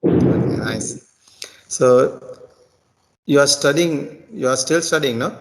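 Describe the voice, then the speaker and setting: Man from sri lanka, halting casual chat, repeats himself, mid pitch. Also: poor audio. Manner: hesitant, repeats words and restarts often. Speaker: tutor and teacher. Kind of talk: casual chat, English speaking practice.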